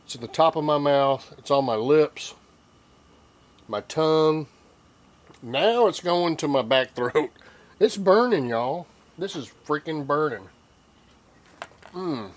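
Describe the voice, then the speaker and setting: An older man, taste-testing a hot barbecue sauce on his cooking vlog, teary and sniffling from the heat, with slow, drawn-out hums and sighs. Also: fairly high pitch. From Texas. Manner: slow, drawn-out reactions to spicy food with many hums and sighs. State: teary, nose running from the heat. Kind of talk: casual taste-test reaction.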